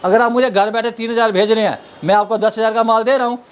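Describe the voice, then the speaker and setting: High-pitched salesman, eager pitch. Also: steady tone, quick pace. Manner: insistent, repetitive showman-like patter. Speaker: wholesale clothing seller. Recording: clear background noise.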